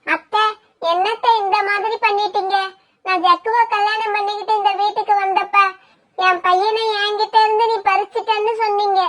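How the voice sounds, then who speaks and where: A woman voicing a gentle, devoted young bride myna bird in a cartoon, in a very high, thin voice with earnest pleading delivery. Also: normal speed. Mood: grieving. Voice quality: very high, thin and flat-toned. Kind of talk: cartoon voice acting.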